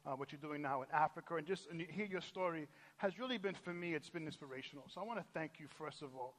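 A pastor hosting a lively church service, joking and energetic, often tripping over restarts. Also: male voice, a little high, fast talker. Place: church sanctuary.

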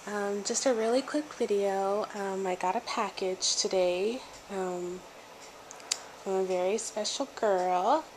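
A woman with a head cold and a stuffy nose, chatting casually through an unboxing and pausing often on ums. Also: medium pitch. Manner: slow, with many ums. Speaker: vlogger. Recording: noisy home video.

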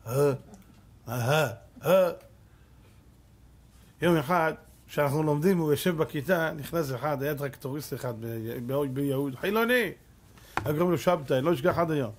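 A middle-aged man, a rabbi, giving a Torah lesson as an animated storyteller who acts out voices. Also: on the high side, slight background noise.

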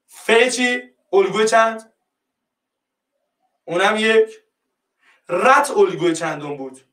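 High-voiced teacher calling on pupils. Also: male voice, lively intonation, a bit bright, echoey room, far from the mic. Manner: coaxing, repeats prompts to pupils. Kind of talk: online class lesson.

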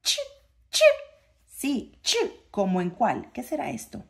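A woman reads a children's letter book aloud. She sounds out each letter in a sing-song voice and draws out the sounds. Her pitch sits in an ordinary middle range. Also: big pitch swings, measured pace, gravelly. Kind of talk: reading a phonics book to a child.

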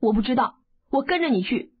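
A woman's voice: fairly high pitch, expressive, a little fast, slightly rough. A woman voicing a cheeky teenage boy who plays dumb, whining and pleading. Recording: phone-like narrow band.

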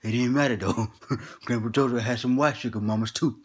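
A man's voice: medium pitch, fairly even intonation, normal speed, husky, lightly acted. A man playing a boastful old grandpa who tells tall tales in a folksy, slangy drawl and chuckles between lines. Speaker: comedy skit performer. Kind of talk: comedic character monologue.

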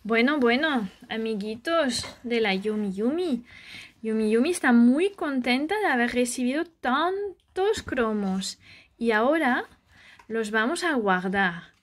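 A woman, a vlogger and mother, chatting softly and dotingly with a child and her viewers. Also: a little high, expressive, unhurried. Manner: doting and soft, speaking as to a small child. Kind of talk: casual chat with a child and viewers.

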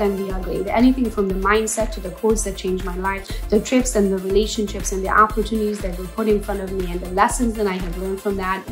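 Chatty Romanian-born woman vlogging to camera. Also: medium pitch. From Transylvania, Romania. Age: 40s. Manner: chatty, playful, addresses viewers directly. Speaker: entrepreneur vlogger. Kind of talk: personal vlog storytelling. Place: home office with window, then old school building.

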